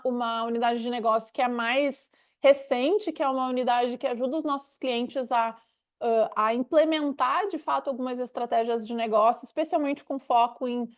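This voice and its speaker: Hosting a webinar as the director of a knowledge unit, this gaúcho-accented woman from Rio Grande do Sul, Brazil, has a voice on the high side. Her delivery is a conversational presentation, didactic and explanatory.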